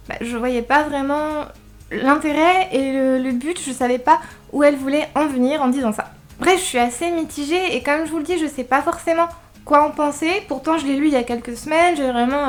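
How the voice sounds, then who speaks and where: A woman talks casually as she reviews books for a vlog. Her s sounds carry a slight, slushy lisp. Music plays faintly behind her. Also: sits high. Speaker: book reviewer presenting recent reads. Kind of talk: casual scripted-outline vlog talk.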